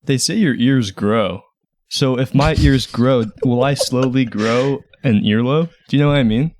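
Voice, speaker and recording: A man's voice: medium pitch, unhurried, a little mellow. A young man co-hosting a casual podcast, teasing his friend with wry, self-mocking humor. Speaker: podcast co-host and editor. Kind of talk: casual chat.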